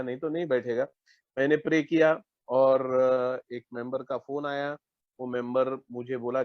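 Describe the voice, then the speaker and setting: A man's voice: medium pitch, darkish tone, no echo, dull audio. Indian man sharing his recovery story. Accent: Mumbai Hindi. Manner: conversational, acts out both sides of phone talks. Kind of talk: personal testimony in an online meeting. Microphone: online call mic.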